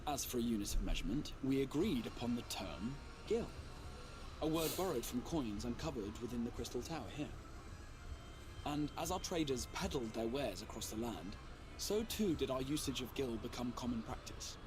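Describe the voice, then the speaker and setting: A man playing a learned, gentle guide in a fantasy video game, speaking formally and courteously. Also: mid-range voice, expressive, background noise, natural voice. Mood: explanatory. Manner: formal, measured, storyteller-like.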